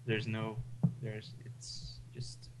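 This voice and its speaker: A young Swedish game streamer with a Swedish accent chats and rambles in a relaxed way while playing, restarting his sentences now and then. He whispers in a lowish voice, extremely slowly. The recording is rough.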